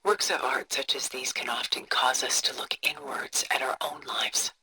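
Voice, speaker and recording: In poor audio, an actress gives a rumbling low, whispered, exaggerated voice to a cultured, composed older art collector in a video game. She sounds reflective and admiring, refined and measured, contemplative, letting phrases end softly and breathily. The lines take the form of museum-guide storytelling.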